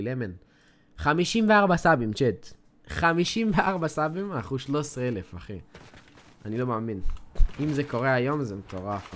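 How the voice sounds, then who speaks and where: A man's voice: mid-range voice, a little hiss or hum. Hyped young male gaming streamer. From Israel. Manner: hyped, boastful trash talk to chat. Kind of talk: live game stream commentary.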